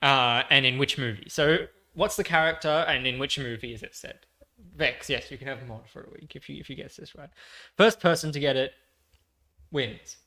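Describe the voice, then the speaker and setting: A man's voice: medium pitch, normal speed, bright, forceful tone. A man co-hosting a casual podcast livestream, chatty, laughing often and swearing casually. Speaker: podcast co-host.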